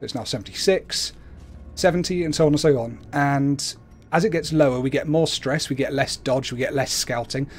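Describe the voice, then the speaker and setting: A man's voice: medium pitch, normal speed. A man hosting a livestream, casually explaining the video game he plays. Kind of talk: casual explanatory gameplay commentary. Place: indoors at a computer, webcam.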